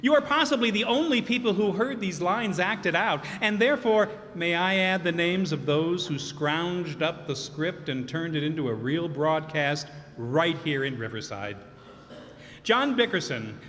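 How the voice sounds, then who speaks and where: In a live performance hall with echo and faint background noise, a community radio theater group's host, who's also in the cast, thanks the crew and performers before an audience at curtain call. His slightly high voice has a fairly bright tone, and his speech rambles with fillers and self-corrections.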